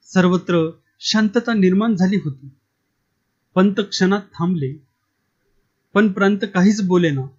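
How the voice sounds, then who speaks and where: A man narrating a story with an expressive, dramatic storytelling delivery. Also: high voice, measured pace, pauses often. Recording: dull lo-fi recording.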